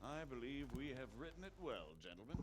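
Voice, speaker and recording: An actor playing a composed, high-ranking medieval lord in a game, formal and assured. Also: male voice, sing-song, brisk, noisy background, lightly acted. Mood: businesslike. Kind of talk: scripted dramatic game dialogue.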